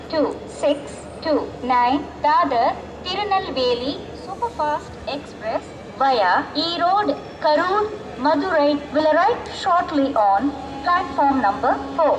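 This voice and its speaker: A woman giving a recorded train station announcement in a slow, formal way, reading the train number one digit at a time. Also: high-pitched, lively intonation, noisy background.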